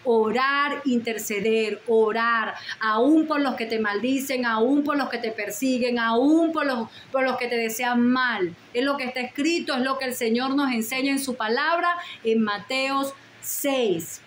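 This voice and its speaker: A woman's voice: fairly high pitch, unhurried, hardly any pauses, roomy sound, a little hiss or hum. A woman preaching a sermon with fervent, repeated declarations and prayerful pleas.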